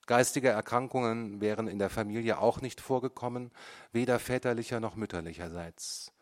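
A man reading a novel aloud in measured, dramatic first-person narration. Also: fairly low pitch. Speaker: audiobook reader. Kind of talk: scripted literary narration.

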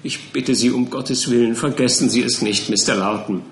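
A man reading an audiobook and voicing a poor, desperate male client who pleads softly with sighs. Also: mid-range voice, fairly even intonation, moderate pace, slight background noise, natural voice. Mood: pleading. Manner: soft, sighing and pleading. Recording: roomy echo.

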